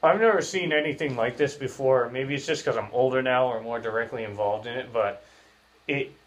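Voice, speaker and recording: A man in his thirties hosts a casual podcast with his jaw wired shut, talking through clenched teeth in a rambling, slangy way. His medium-pitched voice is brisk, and the recording from a small bare indoor room is rough.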